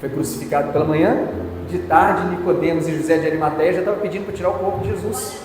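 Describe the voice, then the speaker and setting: A man's voice: a little high, fast, a little hiss or hum. A man with a Brazilian Portuguese accent preaching a sermon as pastor, with an emphatic, repetitive cadence. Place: church hall. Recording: echoey church hall, soft music.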